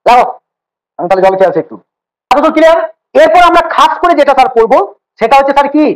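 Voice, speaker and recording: A man teaching a relaxed online biology class. He talks very fast, stacks up fillers and repeats points as he explains. He teases and jokes with his students as he goes. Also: very high-pitched, poor audio. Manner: teasing, joking banter with students; rapid, repetitive explaining with fillers. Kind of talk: casual online class lecture.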